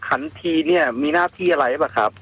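A man's voice: on the high side, fast, creaky, fairly bright tone, a little hiss or hum, rough recording. A man calling in to a radio show over the phone, asking curious questions and reacting with amazed exclamations.

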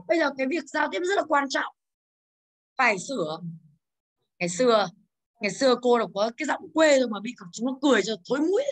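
Drilling her class with rapid-fire questions, this woman English teacher keeps telling the students to speak louder, and her voice is high.

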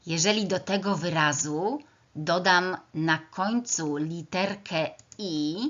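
A woman teaching young children to read speaks very slowly and sounds out each word letter by letter. Her voice is bright and a little low, and the recording is dull and lo-fi. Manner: slow, sounding out words letter by letter. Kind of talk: first-grade reading lesson.

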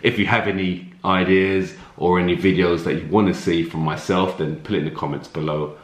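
Deep-voiced man chatting in an echoey room. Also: fairly quick. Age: 30s. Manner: relaxed, chatty, many fillers and restarts. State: slightly runny nose. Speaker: fitness coach answering viewer questions. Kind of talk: casual Q&A vlog. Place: room at home, indoors.

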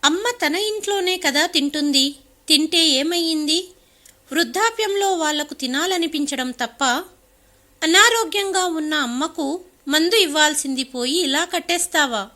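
A woman's voice: sits high, normal speed, bright, forceful tone. A woman voicing an angry grown daughter who scolds her family in a story reading. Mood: indignant. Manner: indignant, scolding.

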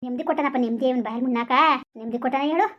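Brief: woman doing a high, fast-scolding village mother in a comedy skit. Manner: loud lamenting and scolding. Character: wailing, cursing village mother, middle-aged woman. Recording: dull lo-fi recording.

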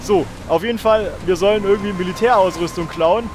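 A young man with a slightly high voice hosting a let's play, joking, swearing and chatting to his viewers as he plays. A faint hiss runs underneath. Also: brisk. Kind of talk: casual gameplay commentary.

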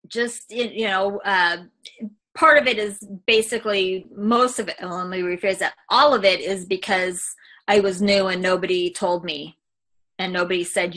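A woman's voice: mid-range voice, pushed and bright, poor audio. A woman real estate agent giving a rambling, self-correcting testimonial interview, laughing easily. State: emotional, close to tears.

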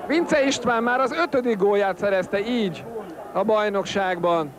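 A man giving excited sports commentary as a football commentator, exclaiming at the action. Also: sits high. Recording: noisy stadium broadcast with crowd. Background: football crowd.

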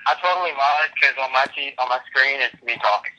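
A 21-year-old man from Louisiana, chatting casually as a caller over the phone, laid-back and quick to laugh. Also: mid-range voice, pushed and bright, highs cut off. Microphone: phone call.

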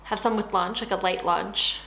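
A woman's voice: mid-range voice, fairly even intonation, normal speed, a bit bright. A young woman in her twenties chatting casually while eating, talking with her mouth full. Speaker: beauty vlogger. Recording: echoey room with faint hiss.

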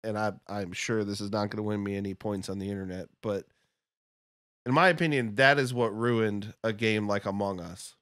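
A man's voice: fairly low pitch, normal speed, a bit bright, no room sound, clean studio sound. A man guesting on a casual podcast, talking in a rambling, candid way and swearing now and then. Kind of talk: casual chat over beers.

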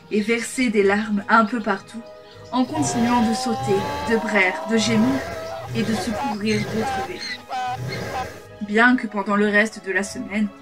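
A woman reading a fairy tale aloud in a calm, measured way. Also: fairly high pitch. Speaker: storyteller. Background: soft background music.

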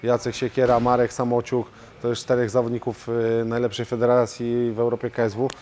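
A man in his own martial arts gym answers interview questions, speaking as a fighter and coach. His pitch sits at an average height and barely moves, which gives a flat, even delivery. He fills pauses with drawn-out hesitations as he gathers his thoughts. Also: slight background noise. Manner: steady, level delivery with hesitation fillers.

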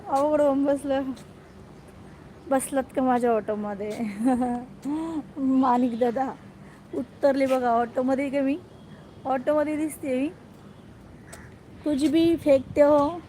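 High-voiced chatty woman streaming live. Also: warm tone, slight background noise. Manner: chatty and teasing, greets viewers by name; playful, jokes about herself. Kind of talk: casual live-stream chat with viewers.

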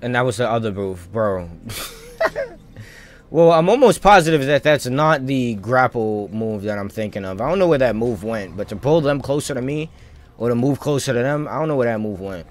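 During a live gameplay stream, a man keeps up relaxed commentary to himself, heavy on slang and swearing, over music and game sounds. He speaks at a moderate pace in an animated, medium-pitched voice.

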